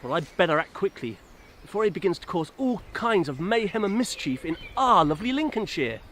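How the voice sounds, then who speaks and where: A man's voice: high-pitched, sing-song, fairly quick, a bit bright. A man playing an earnest, kindly protector of the woodlands, telling a children's story in a theatrical manner. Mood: urgent, adventurous. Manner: theatrical, earnest, addressing young audience as friends. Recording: noisy outdoor recording with nature ambience.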